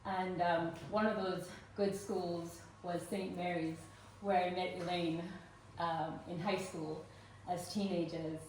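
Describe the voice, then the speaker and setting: A Ugandan woman in her forties tells a personal story to a live audience at a fundraising event, earnest and warm, with frequent "um" pauses. Her fairly low voice, flat in delivery, reaches the mic from a distance amid strong room echo and faint noise.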